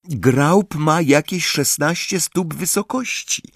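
A man's voice: a little high, takes it slowly, breathy edge, no room sound, studio quality, voice pushed up, full character voice. A man reading an audiobook and voicing a teenage schoolgirl who is earnest and fretful. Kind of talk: audiobook character voice.

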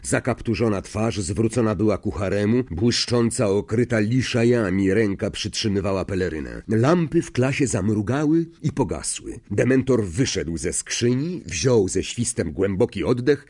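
A man narrating a storybook, expressive and animated, with small slips. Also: lowish voice, normal speed, hardly any pauses, breathy edge. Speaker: audiobook reader.

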